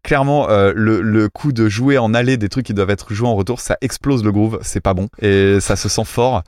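A man's voice: lowish voice, normal speed, a little mellow, dry recording, clean studio sound. Chatty man picking apart a song. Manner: chatty, many fillers, technical and self-mocking. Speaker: podcast co-host reviewing cover songs. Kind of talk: casual chat, music critique.

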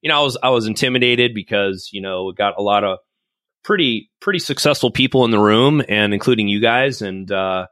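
A man's voice: lowish voice, brisk, fairly bright tone, no echo. A man hosting a casual podcast interview, chatty and upbeat with many fillers and restarts. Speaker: podcast host.

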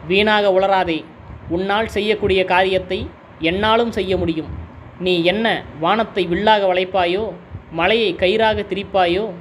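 Story reading: man voicing a gullible hothead, indignant and quick to bristle, high voice. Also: fairly even intonation, a little hiss or hum. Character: hot-tempered gullible man easily provoked.

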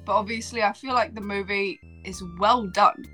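A woman's voice: medium pitch, steady tone, moderate pace, sharp tone, soft background music. A woman from the Czech Republic with a Czech accent, a native Czech speaker chatting casually as a podcast guest. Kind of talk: casual chat.

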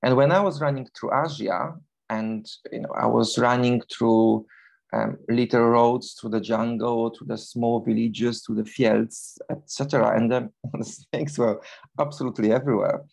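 Polish guy in his 40s, gravelly voice, lots of ums and restarts, interview guest. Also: medium pitch, fairly even intonation, moderate pace, darkish tone. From Poland. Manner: hesitant, many fillers and restarts. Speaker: guest, long-distance runner. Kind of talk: casual interview talk.

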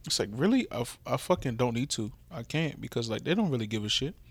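A young man co-hosting a podcast, talking in quick slangy asides that sometimes drop into a mumble. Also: medium pitch, big pitch swings, husky. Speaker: podcast co-host. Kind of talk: casual podcast banter.

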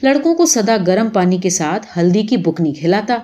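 A woman narrates a literary short story in a warm, mellow tone. Her reading is expressive, with a lively, wide-ranging melody. She steps briefly into the characters' voices as she goes. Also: medium pitch.

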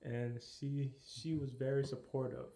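A man appearing as a guest on a podcast, chatting casually and explaining things in a relaxed way. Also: mid-range voice, unhurried. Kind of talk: casual chat.

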